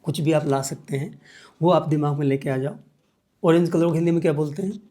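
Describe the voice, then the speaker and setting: A man's voice: a little high, fairly even intonation, brisk, dark tone. A man teaching meditation as a guest, explaining each step patiently and repeating key points. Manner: patient, repetitive step-by-step instruction.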